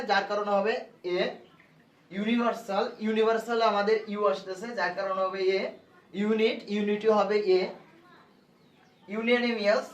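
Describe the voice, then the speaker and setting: Male grammar tutor, high voice, patient and repetitive, distant echoey room sound. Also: fairly bright tone. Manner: repetitive, step-by-step explaining. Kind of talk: explaining grammar at a board. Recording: echoey room, voice from far off the mic.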